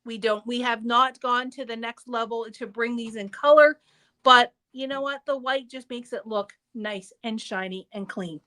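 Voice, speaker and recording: A woman with a high, bright-sounding voice hosts a craft shop's live show. She chats in a casual, upbeat way and teases a little as she talks through products and store dates. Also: fairly even intonation, moderate pace. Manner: chatty, upbeat, teasing. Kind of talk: casual livestream product chat.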